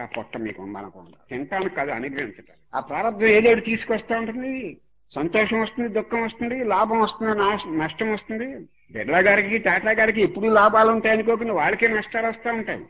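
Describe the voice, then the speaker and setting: A man's voice: high voice, fast talker, dull audio. A man giving a religious discourse as a spiritual teacher, moralizing and repeating each point to drive it home.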